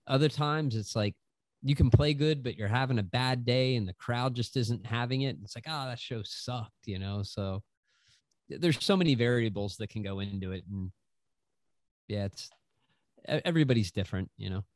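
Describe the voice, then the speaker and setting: A man's voice: mid-range voice, moderate pace, dry recording. Laid-back man telling stories, dry sound. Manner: laid-back storytelling, lots of "you know". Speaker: guest musician. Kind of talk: casual podcast chat.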